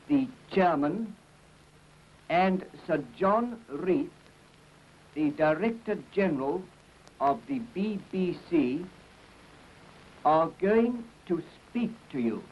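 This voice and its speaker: Slow formal man on an old radio recording. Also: high voice. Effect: old 1930s archive radio recording. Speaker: radio announcer. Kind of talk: formal broadcast announcement. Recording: dull lo-fi old recording with faint hiss.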